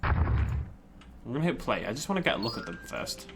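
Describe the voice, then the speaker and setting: A man's voice: medium pitch, very animated, normal speed, vocal fry, over music. A man giving casual, informal game commentary, thinking aloud and playfully talking to the game. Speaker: gaming video host.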